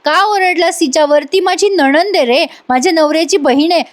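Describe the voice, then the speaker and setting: A woman's voice: very high voice, a little fast, pitched above the performer's own voice. A woman voicing a young woman who reproaches her brother and defends her sister-in-law, in a pleading tone. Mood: reproachful.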